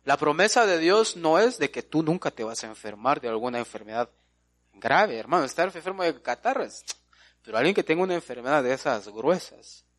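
A man's voice: a little high, sing-song, a little fast, fairly bright tone. A male preacher, delivering an emphatic sermon and often addressing his listeners as brother.

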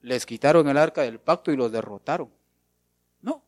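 A man's voice: medium pitch, normal speed, darkish tone, dry recording. A man preaching a sermon, emphatic, repeating his phrases and calling out to the congregation.

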